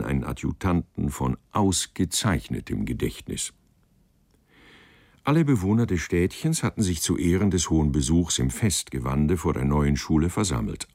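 Male audiobook narrator, very deep voice, lively intonation, dry close recording. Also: dry recording. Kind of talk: audiobook narration of a literary story.

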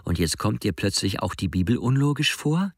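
A hostile teenage bully sneers and threatens, as a male narrator puts him on. The voice sits low but jumps around sharply in pitch. It is recorded dry and close. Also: sing-song, moderate pace, slightly rough, no room sound, heavily acted. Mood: scornful. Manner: scornful, threatening, hissing. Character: aggressive, menacing teenage bully. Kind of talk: audiobook reading.

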